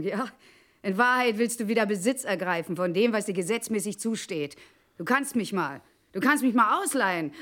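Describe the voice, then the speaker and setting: An actress in a radio play, playing a sharp-tongued wife who answers her husband with sarcasm and defiance. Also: fairly high pitch, close to an everyday voice. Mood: bitter. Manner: sarcastic, quick retorts.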